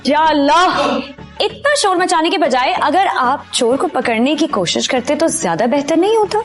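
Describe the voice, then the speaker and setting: A woman's voice: high voice, animated, moderate pace, soft background music. An actress playing a sarcastic young woman who teases a man in a TV drama. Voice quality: dry, sarcastic. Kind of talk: TV drama acting.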